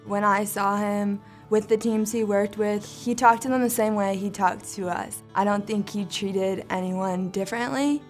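A woman's voice: medium pitch, fairly even intonation, moderate pace, hardly any pauses, soft background music. A young woman speaking heartfelt and casually in an interview. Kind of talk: interview testimony.

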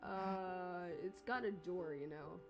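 A woman's voice: fairly low pitch, slow, over music, pitched below the performer's own voice. A woman voicing a brash, sarcastic teenage monster girl in a video game, blunt and slangy. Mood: offhand.

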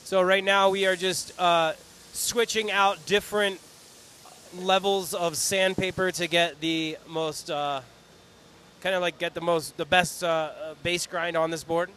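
A man's voice: fairly even intonation, unhurried, pushed and bright, a little hiss or hum. A young man hosting a live stream, reading out viewer comments in a casual, jokey way. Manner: casual, jokey, high-pitched.

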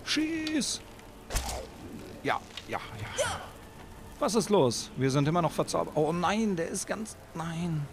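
Excitable German gamer with a jumpy voice. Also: male voice, a little high, a little slow, noisy background. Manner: excitable, talks to enemies on screen. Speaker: let's play host. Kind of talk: casual gameplay commentary.

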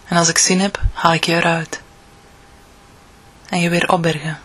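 A woman with a Flemish accent reading her own poetic picture book for adults, slowly and intimately, often half-whispering. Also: fairly low pitch, level tone, a bit bright, slightly rough. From Belgium.

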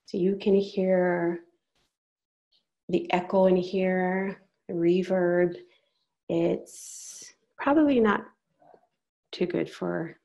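A woman's voice: lowish voice, creaky, dark tone. A woman giving practical tutorial tips while recording in a small bathroom, her voice ringing with echo and reverb through a headphone microphone. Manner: plain, practical instructions. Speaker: video tutorial presenter. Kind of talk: casual how-to explanation.

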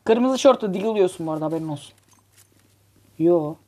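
A woman hosting her gaming channel gives excitable, joking gameplay commentary, teasing and cursing at rival players. Her voice is on the low side and she talks a little fast.

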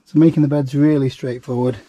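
A man chats to his camera from a camper van, in an easy, dry and joking way. His voice sits at an ordinary middle pitch. A faint hum of the outdoors runs underneath. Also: little pitch movement, quick pace. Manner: dry, joking, self-mocking asides. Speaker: vlogger. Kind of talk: casual vlog chat.

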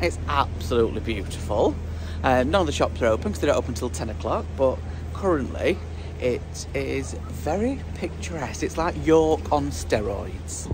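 A man in his forties from the UK, chatting to a handheld camera while walking through a city. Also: mid-range voice. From United Kingdom. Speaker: travel vlogger. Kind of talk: casual travel vlog. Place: outdoors on city streets. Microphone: handheld phone camera at arm's length. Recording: street noise behind. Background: street and traffic noise.

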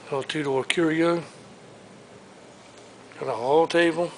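Filmed on a handheld camera, this man tours a big warehouse showroom and rattles off furniture and collectibles up for auction with cheerful sales patter. His fairly high, slightly mellow voice holds a steady tone, and the low-quality recording carries a little hiss or hum.

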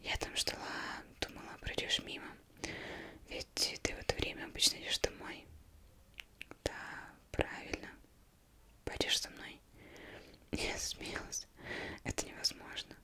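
A woman's voice: measured pace, pauses often, bright, forceful tone. Young woman whispering right in your ear. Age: young adult. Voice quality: unvoiced, breathy whisper. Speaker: ASMR reader. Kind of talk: ASMR whispered reading of a novel. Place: indoors, plain studio backdrop. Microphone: close microphone.

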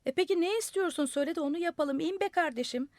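A woman voicing exasperated officials who call up loudly and plead with a man on a roof, read in a radio studio. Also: extremely high pitch, quick pace, no room sound, pitched above the performer's own voice. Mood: exasperated shouts. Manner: loud, pleading, calling out.

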